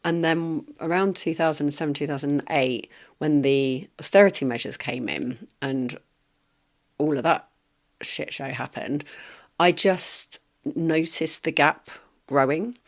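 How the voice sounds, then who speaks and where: A woman from Essex, England, hosting a podcast and telling a story in a blunt, animated way, swearing freely and laughing as she goes. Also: deep voice, measured pace. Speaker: podcast host. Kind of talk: casual storytelling monologue.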